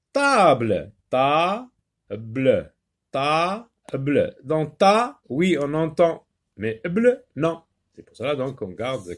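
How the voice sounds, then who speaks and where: A man giving a children's phonics lesson, sounding out syllables one at a time. He speaks slowly, and his voice sits a little high and swings widely in pitch. He hesitates often and repeats each word several times. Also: darkish tone, slightly rough. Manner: slow, repeats words and syllables, explains in French with short Arabic asides; hesitant, many pauses and fillers. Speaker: teacher.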